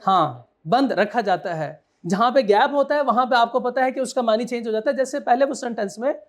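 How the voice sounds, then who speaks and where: Guy teaching a law class, pretty high voice, keeps asking the students stuff and repeating himself. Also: brisk. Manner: quizzes students, repeats key points. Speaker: accountancy law lecturer. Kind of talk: classroom lecture.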